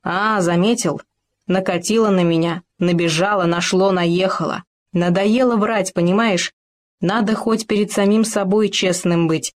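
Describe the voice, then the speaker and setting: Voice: mid-range voice, steady tone, a little slow, natural voice. The storyteller voicing a stubborn, blunt male hamster who prides himself on telling the truth. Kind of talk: storybook reading.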